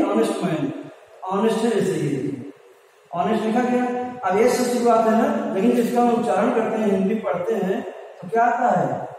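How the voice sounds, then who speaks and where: A man leads a classroom grammar lesson in a high, carrying voice. He keeps asking the class questions and answering them himself. The recording is roomy and echoey, picked up from far away, with a faint hum behind him. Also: darkish tone. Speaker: English teacher.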